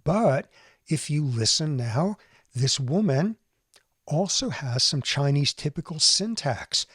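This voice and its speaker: A man with a somewhat high voice explains brain science in a relaxed lecturing way, with quick jumps into mimicry. The sound is dry and close to the mic, with no room behind him. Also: slightly rough, no echo. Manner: explanatory, animated, mimics accents briefly. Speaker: podcast host explaining neuroscience. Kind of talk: conversational lecture.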